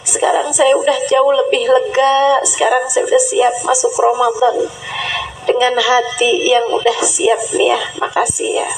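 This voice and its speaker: A woman's voice: a little high, flat delivery, a little slow. A woman preacher voicing a grieving young woman who pleads and thanks her, in an emotional sermon story. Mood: tearful. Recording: echoey with faint music.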